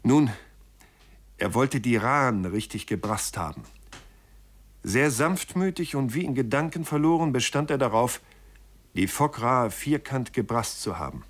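A man reads an old sea tale aloud in a steady, mid-pitched voice. His telling is measured and dramatic, and he often turns to the listeners with asides as he spins the story. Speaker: narrator. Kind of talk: audiobook reading of a first-person sea tale.

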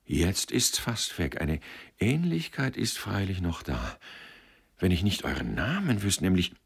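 Old boastful vagabond raconteur, read by a man, deep and gravelly. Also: unhurried, heavily acted. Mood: excited. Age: older. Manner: boastful, lively. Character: old male wandering beggar storyteller, proud.

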